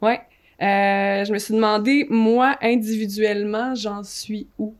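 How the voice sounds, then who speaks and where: A woman's voice: mid-range voice, steady tone, unhurried. Thoughtful young Quebec French woman. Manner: thoughtful, hesitant, with many fillers. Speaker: guest. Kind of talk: reflective personal testimony.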